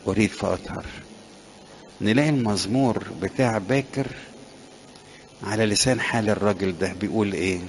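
A man's voice: lowish voice, fairly quick, a little hiss or hum. A man with an Egyptian Arabic accent preaching a sermon, asking questions of his listeners and answering them himself.

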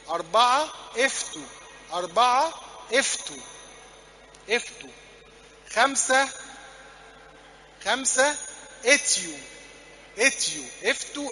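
A man's voice: extremely high pitch, pushed and bright, husky, in a large hall. A man with an Egyptian accent teaching a Coptic class, drilling numbers and having students repeat after him. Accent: Egyptian Arabic. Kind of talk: classroom lesson. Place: church classroom.

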